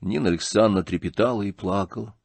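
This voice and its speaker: A man reading a classic novel aloud as an audiobook narrator, with expressive storytelling. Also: fairly low pitch, quick pace, vocal fry, no echo. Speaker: audiobook reader.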